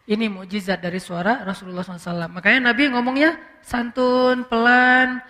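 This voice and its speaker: A man's voice: very high-pitched, little pitch movement, fast talker, pushed and bright. A man preaching in a casual, conversational way, telling a story with slang and frequent "apa" fillers. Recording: long reverb of a hall.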